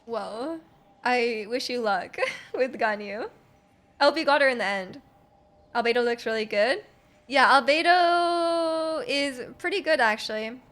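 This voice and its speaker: A game livestreamer talks casually to her audience as she plays, with a rambling, repetitive, giggly, hesitant manner. She has a rather high, fairly bright voice and keeps a measured pace. A close streaming microphone records her.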